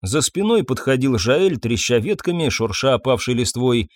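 A man narrating an audiobook in a measured storytelling manner. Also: medium pitch, sing-song, no room sound, clean studio sound. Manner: measured storytelling, voices figures himself. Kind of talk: scripted narration.

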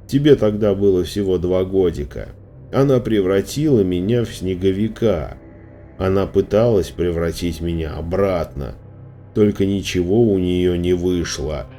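A man voicing a huge male snow creature who speaks in a slow, booming, demanding way. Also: mellow, lightly acted.

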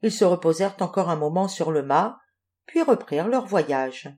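A woman narrating a children's audiobook in a clear, measured storytelling manner. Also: on the low side, lively intonation, darkish tone. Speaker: audiobook reader.

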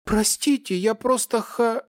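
A man's voice: very high voice, measured pace, no echo, clean studio sound, pitched above the performer's own voice. A man voicing a small, outspoken young gnome girl who protests and objects in an audiobook. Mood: indignant. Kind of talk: audiobook character voice.

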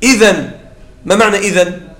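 A man with a fairly high voice gives a grammar lesson, explaining step by step. He keeps asking his students whether they follow and often breaks off mid-word to restart. The room around him rings with echo. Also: moderate pace, a bit bright. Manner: explanatory, checks in with listeners often. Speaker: grammar teacher. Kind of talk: Arabic grammar lecture.

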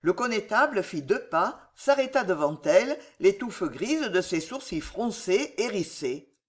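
A woman narrating a historical novel in an audiobook, in a measured, expressive manner. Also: medium pitch.

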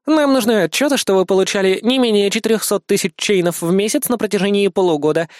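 A stern, bureaucratic registry clerk woman lectures in a formal, officious tone, as a male audiobook narrator puts her on. Her voice is raised and sits high, and the reading is dry and close. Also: fast talker, no room sound, lightly acted.

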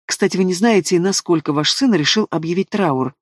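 A man's voice: sits high, normal speed, no room sound, clean studio sound. A man reading the part of a scheming, fawning red dragoness who keeps pressing her point. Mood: fawning pushy. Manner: fawning, insistent.

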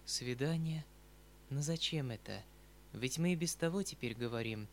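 A man's voice: medium pitch, moderate pace, voice pushed down, lightly acted. A man reading aloud, voicing the lines of an earnest, proud young woman in a scripted audiobook narration. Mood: puzzled.

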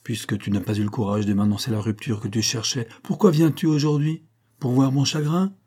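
A man's voice: mid-range voice, steady tone, brisk, warm tone, slightly rough, natural voice. A man voicing a bitter, heartbroken young woman who mocks and reproaches her lover in a raised voice. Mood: angry, anguished. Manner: mocking, reproachful, rising to cries.

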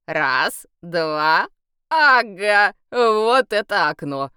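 A cheerful, swaggering young male vampire, dreamy and pushy as he courts a girl, acted out by a woman narrator. The audiobook voice is smooth and clear. It sits dry and close to the mic. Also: lowish voice, expressive, unhurried, a bit bright, no room sound. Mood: eager.

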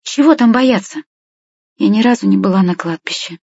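A woman's voice: fairly high pitch, lively intonation, normal speed, breathy edge, dry recording, voice pushed up. A woman doing a timid young girl. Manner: soft, timid. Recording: dull, dry lo-fi recording.

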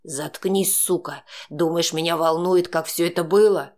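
A woman reading an audiobook, voicing a jealous, drunk young man who mocks and threatens in a low voice. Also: fairly even intonation, a little slow, darkish tone, close to an everyday voice. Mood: menacing sneering. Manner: mocking, threatening, low and sneering.

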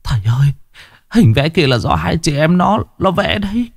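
A man's voice: fairly low pitch, sing-song, slow pace, warm tone, dry recording, clean studio sound. A man voicing a terrified wealthy middle-aged man who stammers and pleads on the edge of tears in a spoken ghost story. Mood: panicked pleading.

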